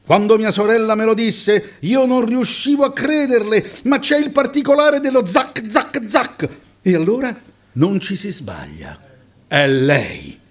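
A man putting on a shrill, scandalized woman of fifty. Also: lively intonation, measured pace. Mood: incredulous. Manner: sharp, scandalized outbursts. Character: indignant woman around fifty, shrill and scolding.

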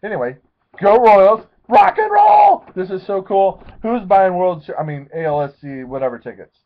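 Seated in a leather chair in a small room at home, a fantasy football league commissioner in his thirties rambles excitedly through a league recap and keeps correcting himself. His voice is high and his pace moderate, captured on lo-fi webcam audio that comes across thin and phone-like.

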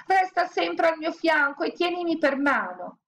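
A woman voicing a stubborn, determined orphan girl who speaks in a steady, plain way. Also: medium pitch, moderate pace, creaky, a little hiss or hum, natural voice. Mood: urgent.

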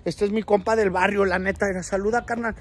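A man with a Mexican accent, a costumed entertainer shouting jokes and birthday greetings on a neighborhood street. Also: steady tone, fast talker. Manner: shrill, shouting, joking in street slang. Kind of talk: street prank-style greeting vlog.

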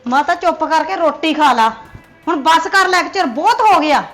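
In a family drama, a woman plays a sharp-tongued Punjabi daughter-in-law who scolds and brushes off the old mother. Her very high voice has a bright, cutting edge, with lively intonation at normal speed.

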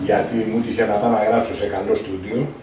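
A man casually reminiscing about recording live in a studio with his bandmates, laughing now and then. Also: on the low side. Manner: relaxed, laughing recollection. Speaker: musician, guest. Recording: echoey room, distant mic, noisy.

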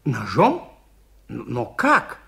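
A man's voice: mid-range voice, huge pitch swings, very slow, creaky, sharp tone, breathy edge, heavily acted. Father Brown, mild priest detective. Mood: curious. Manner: polite, questioning. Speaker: radio drama actor. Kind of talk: 1980s Soviet radio theatre acting.

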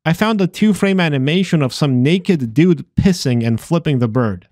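A man's voice: a little high, lively intonation, moderate pace, background noise. A man narrating a scripted voice-over about a video game, with dry, sarcastic asides. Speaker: video host exploring games. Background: faint game music.

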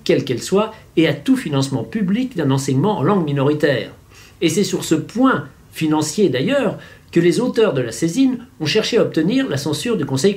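A vlogger commentator in his fifties, with a slightly high and slightly mellow voice, offers didactic, wry opinions to a camera. He's in a small furnished room at home.

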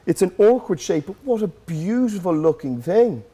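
A man's voice: sits high, expressive, moderate pace, dark tone. A young man in a studio, talking in a boisterous, laddish and boastful way as a comedian guest. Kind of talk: comic in-character banter. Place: studio set with sofa.

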